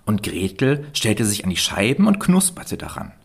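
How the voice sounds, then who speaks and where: A man with a very low voice reads a fairy tale aloud, calm and measured. He tells the story with steady pacing and clear phrasing.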